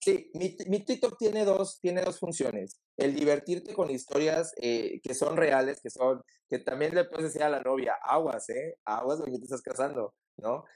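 A man's voice: on the high side, unhurried, few pauses, darkish tone, low-quality recording. A man with a Mexican Spanish accent, a wedding planner guest chatting casually and telling anecdotes with many fillers. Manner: chatty storyteller with lots of fillers. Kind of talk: casual interview chat.

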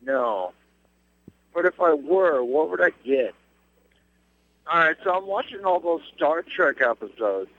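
A man's voice: fairly high pitch, expressive, unhurried, long pauses, no echo. Man on a choppy, breaking-up phone line. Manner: loose, slangy banter, calls people dude. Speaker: caller phoning in to a live show. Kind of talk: casual phone chat. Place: on a moving bus. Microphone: cell phone.

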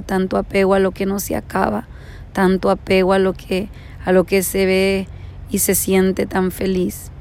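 A woman telling a spiritual parable and reflecting on it, speaking slowly and repeating phrases in long lists. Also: medium pitch, darkish tone. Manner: slow, repetitive phrasing, piling up lists of words. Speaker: storyteller.

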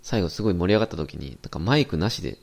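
Deep, gravelly Kansai-accented man chatting. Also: expressive, racing, darkish tone. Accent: Kansai Japanese. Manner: laid-back, laughs often. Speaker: podcast co-host. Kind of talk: casual chat.

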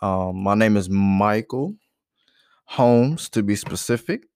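A man's voice: on the low side, slow pace, clean tone, dry recording, studio quality. A man in his thirties from Ohio, hosting his own podcast and talking casually about his life with many filler words. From Ohio, USA. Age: 30s. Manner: rambling, many "um" fillers, relaxed and candid. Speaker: podcast host. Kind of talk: casual solo podcast monologue.

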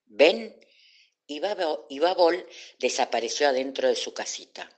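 A storyteller, reading a children's story aloud in a slow, expressive way. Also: medium pitch.

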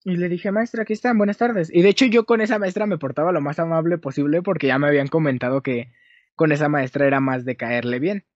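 Young mexican dude rambling through a story, keeps restarting, lo-fi muffled sound. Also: male voice, a little high, fast talker, no room sound. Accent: Mexican Spanish. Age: young adult. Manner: rambling, self-correcting, lively storytelling. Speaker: storyteller among friends. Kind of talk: casual chat. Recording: dull dry lo-fi sound.

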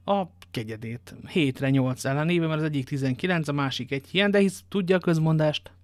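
A man's voice: on the high side, no echo, clean studio sound, close to an everyday voice. A man reading an audiobook and voicing Athos, a worldly, ironic musketeer, with a languid manner of telling his tale. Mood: wry.

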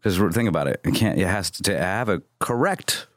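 A man in a casual podcast conversation, excitable and joking, agreeing often and restarting his sentences. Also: low voice, normal speed, no echo, clean studio sound.

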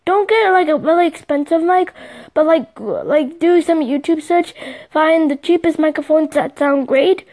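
A young woman with a bright, high voice talks on her own podcast in a loose, rambling way, filling gaps with "like" and "um". She records into her phone's microphone. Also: measured pace. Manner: rambling, chatty, lots of fillers. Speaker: podcast host. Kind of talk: casual solo podcast chat.

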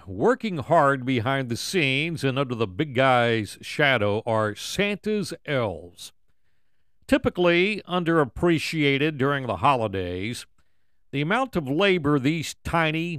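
A man's voice: mid-range voice, a bit bright, no room sound, studio quality. An older man, delivering a scripted monologue as a radio show host.

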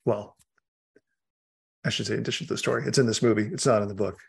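A man's voice: on the low side, fairly even intonation, fast talker, gravelly, husky. A man, an author guest, chatting casually through a film commentary, laughing often and restarting his sentences.

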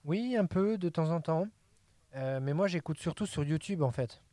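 A man's voice: a little high, moderate pace, dark tone, no echo. A man, a linguist, chatting casually about language apps and videos, with many fillers and repeated words.

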